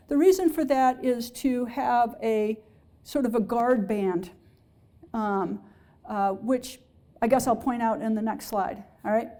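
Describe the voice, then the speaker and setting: An Alaska-based engineering professor gives a public science lecture in a lecture hall, her voice sitting high and mellow. She explains step by step and checks in with her listeners along the way.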